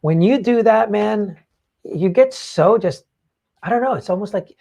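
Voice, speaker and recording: Talking a little slowly in a mellow voice with vocal fry, a medium-pitched podcast host goes over what he took from a book. His explanation is casual, emphatic and rambling, with swearing sprinkled liberally throughout.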